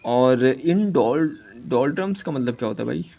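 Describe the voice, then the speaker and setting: Guy tutoring for govt exams, hindi-english mix, keeps saying theek hai, reads english slow, laid-back. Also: medium pitch, lively intonation, vocal fry, dark tone. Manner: conversational, repeats "ठीक है" often, reads English slowly; self-correcting, jokes with students. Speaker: exam prep teacher. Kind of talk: casual Hindi-English lesson.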